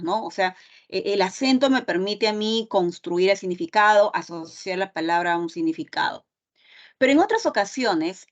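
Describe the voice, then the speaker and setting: A woman teacher giving an online class, explaining step by step and often checking in with the students. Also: medium pitch. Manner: explanatory, with frequent checking tags like ¿ya? and ¿no?. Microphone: computer mic on a video call. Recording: dull lo-fi online call audio.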